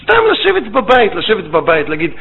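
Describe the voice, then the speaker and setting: Animated man lecturing on a tinny line. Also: sits high. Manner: animated storytelling with rabbinic phrasing. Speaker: rabbi and educator. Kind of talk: religious lecture. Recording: tinny phone-like line with faint noise.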